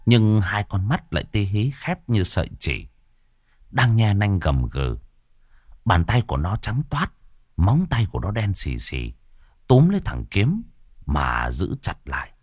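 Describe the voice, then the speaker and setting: A man's voice: sits low, no echo. Dramatic male ghost-story narrator.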